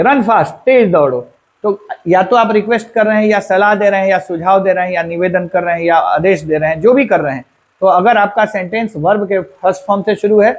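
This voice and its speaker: A man with a high-pitched voice teaches a grammar lesson. He works through each point step by step, putting questions to the class and answering them himself. He slows right down to repeat the example sentences. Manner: asks and answers his own questions. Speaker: English teacher.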